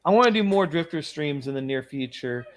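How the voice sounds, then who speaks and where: A man with a somewhat high voice co-hosts a relaxed livestream chat. He rambles, restarts his sentences, and laughs along with his friends. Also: fairly quick. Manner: rambling, self-correcting, laughs often. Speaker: podcast co-host.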